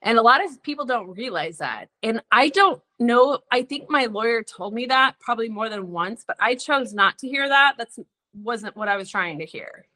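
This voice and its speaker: A woman talking as a podcast guest, frank and chatty as she tells her own story, her speech full of "like" and quick bits of quoted dialogue. Her voice sits a little high and rings bright and forceful. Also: expressive. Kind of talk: candid personal storytelling.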